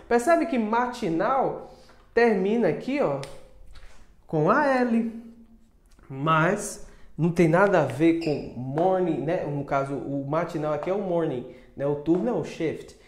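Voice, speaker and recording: A woman teaching English in an online video lesson. She repeats each word slowly and keeps adding short tag questions. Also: lowish voice, expressive. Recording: roomy echo.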